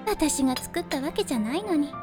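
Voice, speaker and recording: A woman voicing a soft, calm and gently teasing young woman who guards a moonlit forest, in a voice drama. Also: sits high, fairly quick, over music. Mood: gentle. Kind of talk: voice drama acting.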